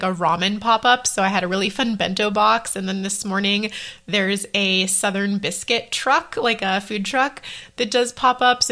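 A woman in her thirties hosts a solo podcast in a bright, forceful, mid-range voice. She talks casually and rambles, correcting herself quickly as she goes along.

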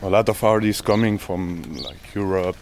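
Low guy youth worker, halting english full of "you know", faint noise around. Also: steady tone, darkish tone. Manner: halting, non-native English with fillers. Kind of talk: casual interview. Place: outdoors in a neighbourhood.

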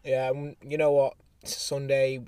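A man's voice: mid-range voice, completely flat delivery, normal speed, darkish tone, smooth, dry recording, recorded from a distance. British podcast guy in a parking garage. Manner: informal, slangy. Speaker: podcast host. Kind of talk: casual sports podcast chat. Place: car park, recording on location.

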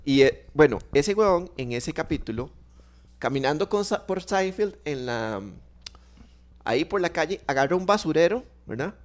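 A man's voice: fairly high pitch, lively intonation, moderate pace. Costa Rican man telling a story casually. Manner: storytelling, rambling with restarts and sound effects. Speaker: podcast co-host. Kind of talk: casual chat.

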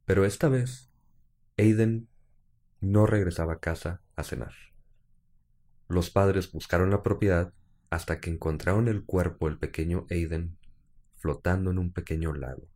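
Co-hosting a casual live stream with his partner, this Mexican-accented man jokes, laughs a lot and throws in slang, then moves on to narrating a true-crime case. His voice sits low and mellow, fairly even in intonation, unhurried and marked by frequent pauses.

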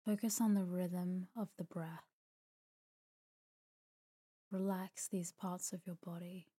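A woman hosting a podcast leads a guided sleep meditation, reading slow scripted narration. Her voice is low, very mellow, soft and breathy, sometimes nearly a whisper. She sounds calm and soothing, with gentle pauses and an even, unhurried melody.

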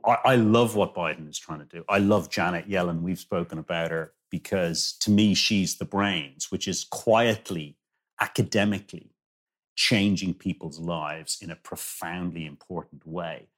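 A man with a fairly low voice talks as a guest in a relaxed discussion. He leans on key phrases by repeating them and often interrupts himself to begin again. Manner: emphatic, repeats phrases, halting self-interruptions. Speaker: guest author. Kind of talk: conversational discussion.

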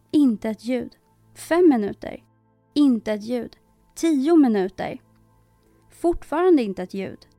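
Expressive woman reading a children's story. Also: on the high side, dry recording. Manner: expressive, emphatic repetition.

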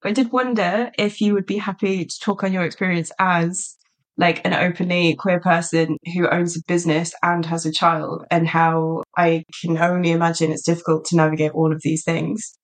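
A woman's voice: on the low side, flat delivery, moderate pace. Chatty, enthusiastic woman podcast co-host. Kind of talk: casual podcast chat. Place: lives in a small market town in south-west England.

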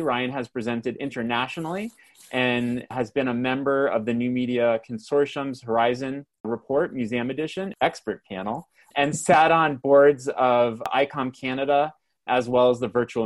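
A man's voice: medium pitch, normal speed. Man hosting a video panel. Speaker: host and moderator. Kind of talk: scripted introductions and interview questions.

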